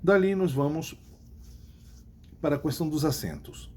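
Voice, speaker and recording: A man's voice: on the high side, expressive, normal speed, a little mellow, a little hiss or hum. A man with a Brazilian Portuguese accent, teaching a recorded lesson to his class. He repeats key points and stops to check that students follow. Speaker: Spanish teacher.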